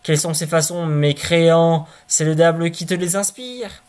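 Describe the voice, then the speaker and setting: A man's voice: on the high side, steady tone, moderate pace, a little mellow, close to an everyday voice. A man reading a fairy tale aloud, voicing an exasperated peasant father who scolds his son. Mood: scolding.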